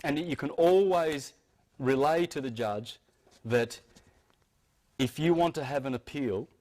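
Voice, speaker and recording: A man speaks to a live audience in an informal, insistent lecture. He often stumbles and doubles back on his words, then presses on. His voice sits at a middling pitch. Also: a little slow, darkish tone.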